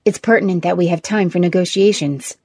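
A woman narrator voicing a steady male aide who speaks in a level, measured way. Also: high-pitched, slightly rough, no echo, clean studio sound. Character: level-headed male aide, even-toned.

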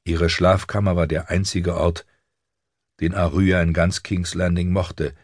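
Deep husky male audiobook narrator. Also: no room sound, clean studio sound. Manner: measured, even storytelling. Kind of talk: scripted narration. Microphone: studio microphone.

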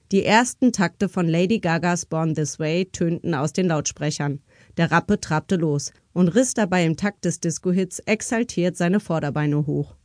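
A woman reading a crime novel aloud as an audiobook narrator, in measured, even storytelling. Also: fairly low pitch, dry recording, studio quality. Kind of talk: scripted narration.

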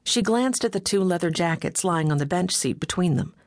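A woman reading a novel aloud as an audiobook narrator, in steady scripted storytelling. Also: lowish voice, a little fast, dry recording, clean studio sound.

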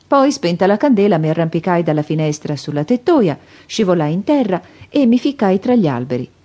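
A woman reading an audiobook in a calm, steady storytelling manner. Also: on the low side, fairly quick. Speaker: audiobook narrator. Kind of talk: scripted audiobook narration.

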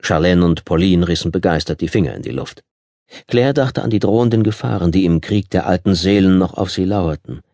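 Tiefe, ruhige Männerstimme im Hörbuch. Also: male voice, deep voice, animated, brisk, dark tone, no room sound, clean studio sound. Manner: ruhig, gemessen erzählend. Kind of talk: scripted narration. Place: Tonstudio.

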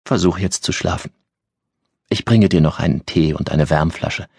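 A man's voice: sits low, normal speed, vocal fry, a little mellow, husky, dry recording, studio quality, exaggerated voice. A man reading an audiobook, voicing a kindly female caretaker who speaks in a soothing, motherly way. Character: adult female caretaker, stern but kindly.

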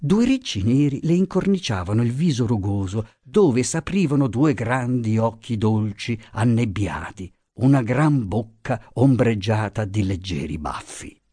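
A man narrating a classic novel as an audiobook, reading in an expressive, theatrical way. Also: mid-range voice, unhurried, hardly any pauses, breathy edge, no echo, studio quality. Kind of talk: scripted literary narration.

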